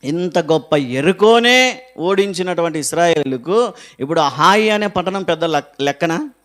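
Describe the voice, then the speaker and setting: A man's voice: a little high, expressive, normal speed, a bit bright. A man preaching a Sunday sermon as pastor, quizzing the congregation and asking members to read verses aloud.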